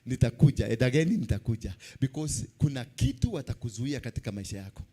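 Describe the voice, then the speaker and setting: A man's voice: mid-range voice, animated, fast, warm tone. Kenyan man preaching in TV preacher style. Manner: emphatic, repeats key phrases, switches between languages. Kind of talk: church sermon in TV preacher manner.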